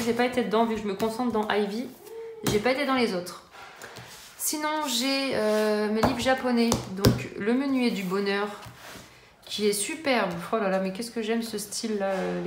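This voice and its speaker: A woman in her thirties casually chatting about her coloring books, full of fillers and restarts. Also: medium pitch. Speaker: coloring-book vlogger. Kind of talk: casual chat showing her book collection. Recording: echoey room with faint noise.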